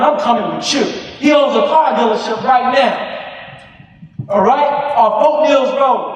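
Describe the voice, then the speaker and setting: A man with a very high voice preaches hard to a crowd of students, shouting and pressing them with call-and-response. He is picked up from far off in a big, heavily echoing hall with a long reverb tail and faint room noise. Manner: preacher-like call and response, keeps asking "Do you hear me?"; often shouts for emphasis. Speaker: youth program founder speaking to students. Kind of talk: impassioned motivational speech.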